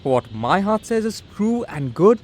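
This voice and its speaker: An actor playing an earnest, lovestruck young son of a rich family in a radio drama. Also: male voice, sits high, big pitch swings, measured pace, darkish tone, full character voice. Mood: earnest, defiant. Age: young adult. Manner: earnest, defiant.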